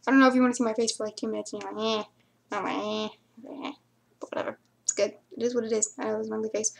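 A woman's voice: on the high side, fairly even intonation, rapid-fire, gravelly, breathy edge. A young woman chatting casually to camera, answering viewer questions and rambling into mumbled asides.

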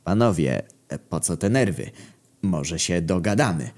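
Man doing a smooth-talking thief, placating, evasive, cornered, story reading. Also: sits low, animated, unhurried, darkish tone.

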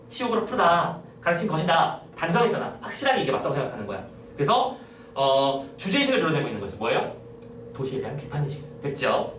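Young male exam-prep lecturer, playful and chatty, faint room hiss behind. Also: on the high side. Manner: lively, teasing, talks to students casually. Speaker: Korean literature lecturer. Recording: echoey room, mic at a distance.

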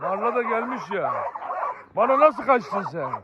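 A man filming a casual farm vlog, chatting to viewers while calling and calming his dogs outdoors. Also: high voice, unhurried, muffled recording, heavy background noise.

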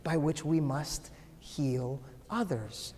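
A man preaches in a big sanctuary, his fairly high voice ringing with long church reverb. He is animated, swinging between loud emphasis and a near-whisper. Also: slow. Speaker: priest. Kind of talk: sermon. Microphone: far camera, no visible mic.

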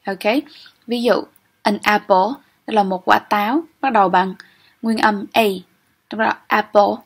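A young woman with a mid-range, slightly breathy voice gives an exam-prep lecture on English grammar. She walks through each point step by step, frequently checking in with "ok?".

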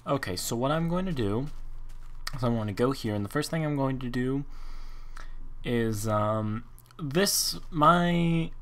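A Minecraft let's play host comments casually on his game as he plays. His voice is medium-pitched and a bit bright. He thinks aloud, counts blocks under his breath, and slips into rambling asides.

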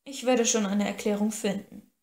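A woman's voice: mid-range voice, steady tone, echoey room, natural voice. A woman doing a whispering, scheming prince. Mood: hushed scheming. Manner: hushed, slow and irritated.

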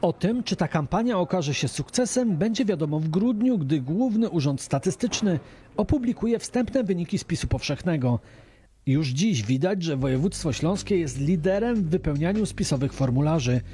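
A man's voice: on the high side, animated, moderate pace, dark tone, a little hiss or hum. A man narrating a scripted television news report as the reporter. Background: music.

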